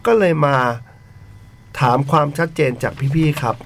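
A man co-hosting a chatty podcast, animated and teasing, here reading a listener's letter aloud. His voice sits a little high and swings widely up and down. A faint hiss sits under the recording. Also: moderate pace. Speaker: podcast co-host.

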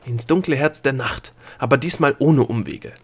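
A man voicing a grumpy, bald male gnome who is a nightmare creature, talking gruffly and impatiently. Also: medium pitch, normal speed, voice pushed up, natural voice. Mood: brusque. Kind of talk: audiobook character voice.

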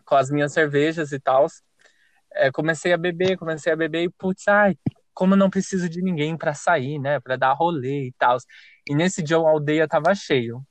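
A young man with a Brazilian Portuguese accent, hosting a podcast and telling a lively, self-mocking story with casual swearing. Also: on the high side, normal speed, no echo. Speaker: podcast host.

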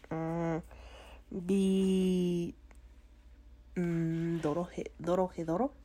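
A woman with a Mexican accent talks to her viewers in an unhurried, rambling vlog chat. Her voice sits a little low and sounds dark and mellow. She leans on fillers and throws in casual swearing. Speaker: vlogger.

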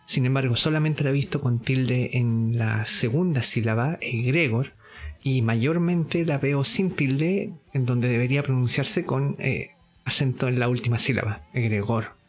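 A man giving a spoken lesson, explaining step by step, often pausing on fillers, repeating himself and checking that listeners follow. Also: medium pitch, faint music behind. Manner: deliberate, explaining step by step with frequent checks for understanding; hesitant fillers and self-repeats. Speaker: course teacher.

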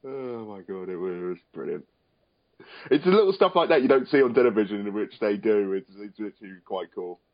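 A man's voice: on the low side, expressive, brisk. A man co-hosting a casual wrestling chat, rambling and repeating phrases for emphasis. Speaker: podcast co-host. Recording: dull, lo-fi audio.

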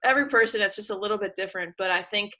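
Woman guest, retired athlete, bright tone, calm and reflective, restarts a lot. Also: mid-range voice, racing. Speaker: retired soccer player and guest. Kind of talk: casual podcast conversation.

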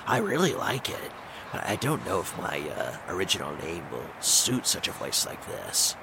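A man doing a gravelly, low-voiced sly wizard. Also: big pitch swings, normal speed, background noise, exaggerated voice. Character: male wizard with a newly changed voice, sly. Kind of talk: voicing a tabletop game character.

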